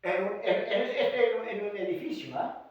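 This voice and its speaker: High-voiced Chilean preacher in echoey hall. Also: male voice, moderate pace, distant mic. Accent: Chilean Spanish. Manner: swings from hushed asides to shouted, sung-out exclamations. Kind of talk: Pentecostal-style sermon. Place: church hall.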